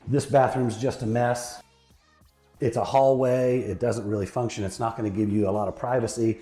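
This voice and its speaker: A man's voice: mid-range voice, steady tone, moderate pace, warm tone, soft background music. A man walking through a house, pointing out its flaws in an upbeat, joking way. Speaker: realtor touring a house. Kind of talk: walkthrough commentary. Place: indoors in a house basement. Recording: echoey room.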